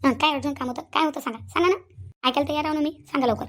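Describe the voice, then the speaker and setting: An angry young fiancée, voiced by a woman, speaks very fast in a high voice with a Vidarbha Marathi accent. She fires accusing questions and repeats them over and over. A cartoon role. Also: steady tone. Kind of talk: cartoon voice acting.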